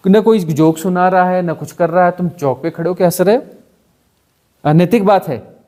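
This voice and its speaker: A man. He keeps firing rhetorical questions and acts out mocking little examples, rising sharply in pitch when he gets animated. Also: moderate pace. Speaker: spiritual teacher. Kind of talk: satsang discourse.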